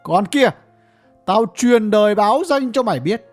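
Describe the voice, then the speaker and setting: A bitter old man from a village, once an official, rants and swears as he grieves, as an audiobook reader voices him. His speech swings widely in pitch and drags slowly. Faint music plays underneath. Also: sing-song, a little mellow. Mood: furious. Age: older. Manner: ranting, grieving, coarse cursing. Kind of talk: audiobook character voice.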